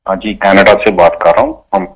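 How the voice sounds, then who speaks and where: A middle-aged man calls in on a mobile set to speaker, and his line keeps breaking up and dropping out. His voice sits low and carries from a little way off the phone. He talks in slow, halting bits and circles back on his own words. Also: fairly even intonation. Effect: phone call breaking up and cutting out. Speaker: caller. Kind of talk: call-in conversation.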